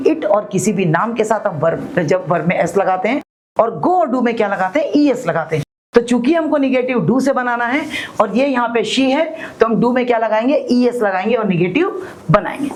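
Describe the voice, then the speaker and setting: A woman with an Indian accent teaching spoken English, explaining each rule step by step, asking her students questions and slowly repeating example sentences. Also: fairly high pitch, expressive, low-quality recording.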